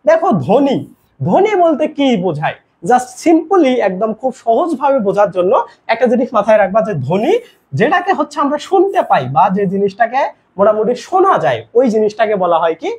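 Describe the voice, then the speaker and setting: A teacher speaking runs a live online grammar lesson. The delivery swings animatedly up and down in pitch, loose and conversational with English words mixed in. They keep asking the class questions and answering them right away. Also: big pitch swings, brisk, a little mellow. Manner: casual, mixes in English words.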